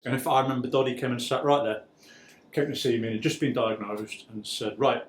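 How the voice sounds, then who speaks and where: A man's voice: mid-range voice, fairly even intonation, a little fast. A man who works in disease research, explaining the science and the disease in a thoughtful interview. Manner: explanatory, thoughtful, frequent "you know". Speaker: medical researcher. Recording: echoey room with faint ambience.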